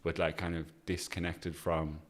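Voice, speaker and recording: A man's voice: low-pitched, flat delivery, moderate pace. A man hosting a casual interview, talking in an informal, discursive way and checking that he is being followed. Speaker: podcast host.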